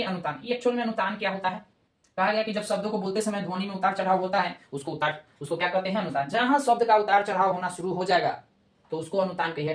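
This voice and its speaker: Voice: mid-range voice, reverberant. A teacher giving an online grammar lesson, explaining step by step, asking rhetorical questions and answering them, and repeating key terms.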